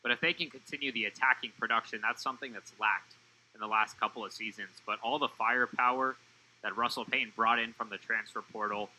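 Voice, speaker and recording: Man, color commentator, crisp bright tone, mid pitch, measured analysis. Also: poor audio.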